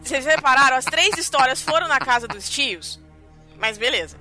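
A young adult woman with a Brazilian Portuguese accent, co-hosting a podcast and telling a story in an animated, dramatic way, full of fillers. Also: sits high, normal speed, soft background music. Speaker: podcast co-host. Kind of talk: casual storytelling chat.

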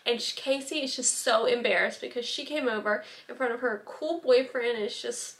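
Chatty high-voiced young woman storyteller. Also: normal speed, fairly bright tone. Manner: chatty, many "like" fillers and asides. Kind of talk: casual true-crime storytelling.

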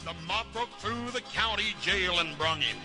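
An actor playing a big, good-natured grown son on a ranch, drawling and singing a comic ballad. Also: male voice, high voice, animated, normal speed, music in the background. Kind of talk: old-time western musical episode.

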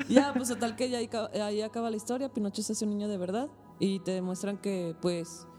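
Mellow-voiced Mexican woman retelling a story. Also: medium pitch. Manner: slangy, rambling retelling. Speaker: podcast host. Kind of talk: casual storytelling.

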